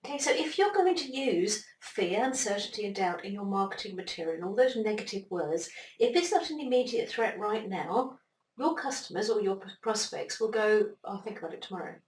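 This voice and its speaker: A woman talks through ideas as an interview guest, lively and acting out the mind's little voices. She sounds a bit far from the mic in a roomy space, with a faint hiss behind her. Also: mid-range voice, normal speed. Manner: animated explainer, acts out inner voices. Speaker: interview guest, brain expert. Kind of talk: conversational interview.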